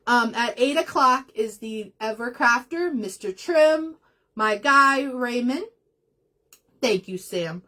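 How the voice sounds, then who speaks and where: A chatty woman hosts a craft livestream, talking to her viewers in a casual, rambling way as she works. Her voice sits a little high, and she slips into laughter and emotion easily. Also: lively intonation, takes it slowly, bright, forceful tone.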